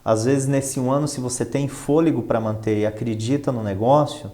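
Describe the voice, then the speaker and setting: In a mid-range voice with a dark tone and a moderate pace, a Brazilian man answers as an interview guest and finance professional who also teaches as a professor. His conversational explanations rely on emphatic repetition and rhetorical questions.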